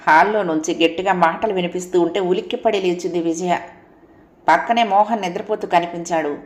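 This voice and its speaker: A woman narrating a novel as a storyteller, reading in a steady, even way. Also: fairly low pitch, reverberant.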